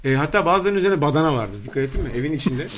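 Brief: young male web radio co-host, fast playful banter, faint hiss behind. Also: on the high side. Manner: quick playful quips, chats with callers. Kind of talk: casual comic banter.

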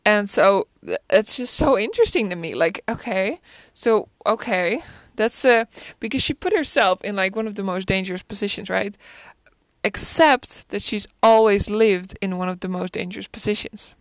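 A woman's voice: medium pitch, normal speed, no echo. A woman casually chatting about a film, talking animatedly with lots of fillers and asides. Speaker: film commentator. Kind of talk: casual solo chat.

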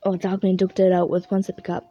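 A woman with a husky voice reading a children's story aloud in an expressive, playful storybook style. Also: lowish voice, fast talker. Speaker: storybook reader. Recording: dull lo-fi recording.

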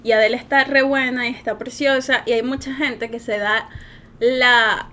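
A woman talks in a high, sparkling voice, giggling easily as she chats on her vlog. Her tone is light and quick to break into laughter. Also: a little hiss or hum. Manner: giggly, animated. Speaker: vlogger. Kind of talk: casual chat.

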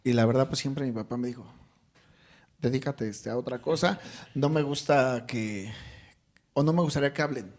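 A man's voice: mid-range voice, moderate pace, long pauses, darkish tone. A man with a Mexican accent chatting casually and teasing the others. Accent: Mexican Spanish. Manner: teasing, playful. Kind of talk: casual chat.

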